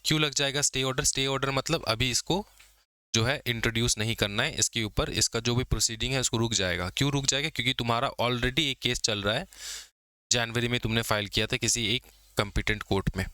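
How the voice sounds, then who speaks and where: A young man teaching an exam-prep law class, often checking whether students follow and slowing down to dictate definitions. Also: medium pitch, pushed and bright, clear, resonant tone, dry recording. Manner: explains casually, checks understanding with repeated questions; slows to dictate English definitions. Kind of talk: exam lecture.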